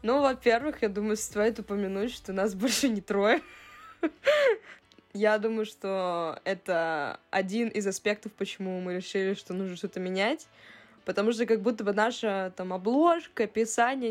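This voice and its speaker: A woman in her twenties co-hosting a podcast, chatting casually in a relaxed, hedging way. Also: medium pitch, moderate pace, soft background music. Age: 20s. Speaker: podcast co-host. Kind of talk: casual chat.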